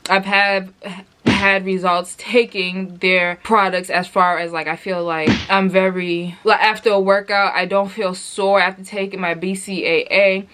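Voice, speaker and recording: A woman's voice: medium pitch, flat delivery, a little slow, a bit bright, slight background noise. Chatty woman reviewing a product. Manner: chatty, rambling, frequent fillers and restarts; addresses viewers directly, asks many questions. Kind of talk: casual product review vlog.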